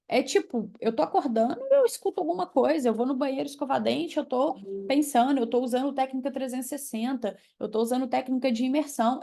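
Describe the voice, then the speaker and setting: A young Brazilian woman with a Brazilian Portuguese accent, coaching environmental professionals on learning English, lively and emphatic as she works through examples. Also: sits high, creaky. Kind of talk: online class or mentoring talk.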